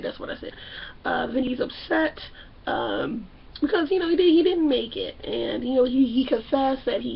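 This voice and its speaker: A woman's voice: high-pitched, vocal fry, breathy edge, muffled recording. A woman hosting a casual comedic TV recap in a brash, profane way, putting on voices for the people she describes. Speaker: TV show recap host.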